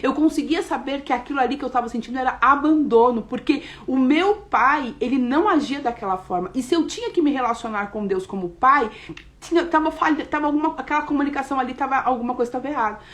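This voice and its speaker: Woman, slightly high voice, earnest confessional devotional talk. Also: quick pace. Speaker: devotional speaker. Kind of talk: morning devotional message.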